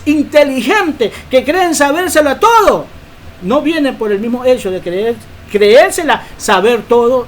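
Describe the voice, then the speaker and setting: A woman preacher giving a Bible teaching sermon, emphatic and quick to ask rhetorical questions. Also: high-pitched, fairly bright tone.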